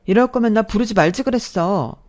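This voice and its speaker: A woman playing an indignant young bride-to-be who pushes back hard and protests every slight. Her voice is mellow and warm, set in an ordinary middle pitch. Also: lively intonation, brisk, close to an everyday voice.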